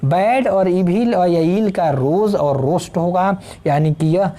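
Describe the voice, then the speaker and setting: A woman teaching an English grammar lesson, explaining slowly, spelling out letters and pausing with fillers. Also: lowish voice, dark tone.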